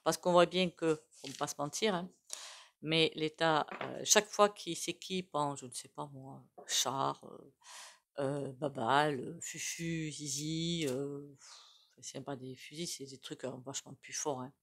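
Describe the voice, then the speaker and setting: Lowish lady chatting through a tarot spread, lots of hein and euh. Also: steady tone, a little slow, a bit bright. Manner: chatty, many fillers and asides to viewers. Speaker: tarot reader. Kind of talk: casual tarot reading monologue.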